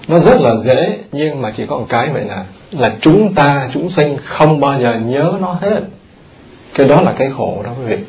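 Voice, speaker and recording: Male monk, sermon, gravelly voice, lively questions to the audience, muffled lo-fi tape. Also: mid-range voice, normal speed. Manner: animated, questions the audience often. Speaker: Buddhist monk teaching. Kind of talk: dharma talk sermon. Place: temple hall.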